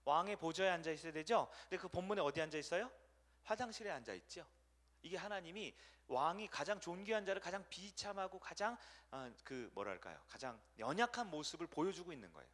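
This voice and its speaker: A man's voice: a little high, sing-song, a little fast, a bit bright. A middle-aged man preaching a sermon as a pastor. He keeps asking the congregation questions, answers them himself, and acts out short voices.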